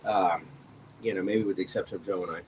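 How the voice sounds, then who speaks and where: A man co-hosting a casual roundtable chat, easygoing and wry, with many filler pauses. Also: low voice, steady tone, heavy background noise. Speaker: show co-host.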